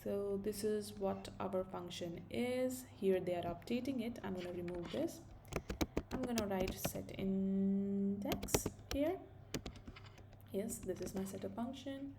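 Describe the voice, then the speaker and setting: A young woman from India, speaking with an Indian accent, narrates a screen-recorded coding tutorial, musing aloud casually and fixing her own slips amid fillers. Her mid-range voice is creaky and measured in pace, set against a noisy background.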